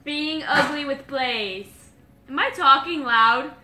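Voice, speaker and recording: A girl co-hosting a guessing game, speaking slowly and loudly, repeating phrases. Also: high-pitched, echoey room, a little hiss or hum. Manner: slow, loud, repeating phrases and laughing. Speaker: co-host of a challenge video. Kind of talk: playing a shouted guessing game.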